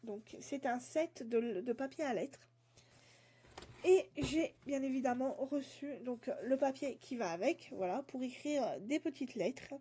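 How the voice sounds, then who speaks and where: A woman with a high, soft and mellow voice chats casually as a book vlogger. She hesitates often, filling pauses and restarting phrases. Now and then she reads a blurb aloud. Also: animated, slightly rough. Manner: hesitant, many fillers and restarts. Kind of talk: casual book haul chat.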